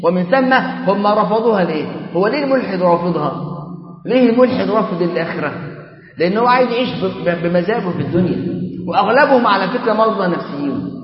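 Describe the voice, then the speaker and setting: A middle-aged man with an Egyptian Arabic accent preaching an animated, colloquial sermon in a mosque, full of rhetorical questions and asides. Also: sits high, quick pace. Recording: echoey hall, dull lo-fi sound.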